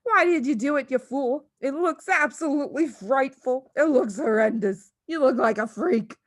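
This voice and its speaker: Woman voicing a shrill, scolding wife and mother. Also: moderate pace, dry recording. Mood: scornful, shrill. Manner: shrieking, scolding.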